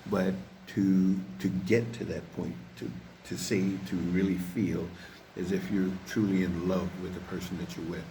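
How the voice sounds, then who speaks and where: Deep-voiced man co-hosting from a balcony. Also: steady tone, normal speed, vocal fry, warm tone. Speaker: podcast co-host. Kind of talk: conversational TV recap. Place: outdoor balcony by the sea. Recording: slight echo on balcony, background noise. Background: waves, ambient noise.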